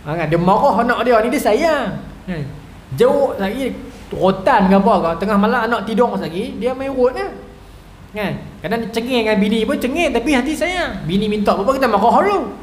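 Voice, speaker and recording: A man in his thirties with a northern Malaysian Malay accent gives a humorous religious lecture packed with stories and asides, his very high voice lively and a little fast. He chats with the audience, constantly asking "right?", in an echoey hall with faint background noise.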